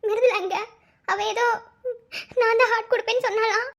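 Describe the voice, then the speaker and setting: A very high, squeaky voice of an anxious young pregnant wife, as a woman acts her out in a cartoon. She pleads and soothes in a Madurai Tamil accent. The delivery stays tender and worried. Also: steady tone, a little fast, fairly bright tone. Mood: tearful. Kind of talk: cartoon voice acting.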